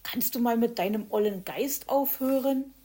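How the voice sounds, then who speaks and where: A woman's voice: mid-range voice, sing-song, a little slow, dark tone, slightly rough. A woman voicing a timid young rabbit who is easily scared. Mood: anxious. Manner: anxious, fretful.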